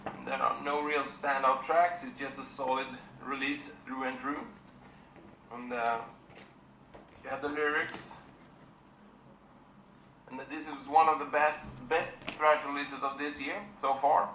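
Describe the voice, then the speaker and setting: Bright-voiced man reviewing records. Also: medium pitch, little pitch movement, echoey room, a little hiss or hum, low-quality recording. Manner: plain, unhurried, with many fillers and restarts. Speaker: music reviewer.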